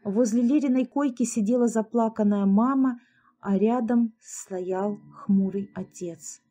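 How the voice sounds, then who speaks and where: Calm, mellow woman narrator. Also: fairly high pitch. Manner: calm, measured storytelling. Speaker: audiobook narrator. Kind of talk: scripted narration.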